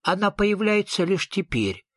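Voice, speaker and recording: A man's voice: high voice, big pitch swings, unhurried, a bit bright, no room sound, clean studio sound, voice pushed up, exaggerated voice. A man doing an absent-minded father troll. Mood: mild. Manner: mild, mumbling explanations.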